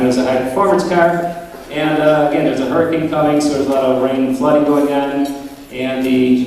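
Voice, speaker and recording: Echoey middle-aged father of the bride speech. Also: medium pitch. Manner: informal rambling storytelling. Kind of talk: father of the bride speech, humorous anecdotes at a wedding reception. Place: large wedding reception room. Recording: very echoey hall, distant mic, crowd noise. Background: reception crowd.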